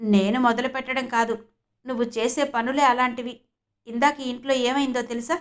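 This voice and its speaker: A woman's voice: a little high, flat delivery, normal speed, close to an everyday voice. A woman voicing a protective mother who scolds her daughter in a raised voice, in an audiobook reading. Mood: angry. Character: worried protective mother, quick to anger.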